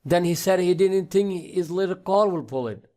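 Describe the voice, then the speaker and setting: A man's voice: sits high, normal speed, dark tone, lightly acted. Man acting matter-of-fact young small-town salesman. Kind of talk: storytelling dialogue.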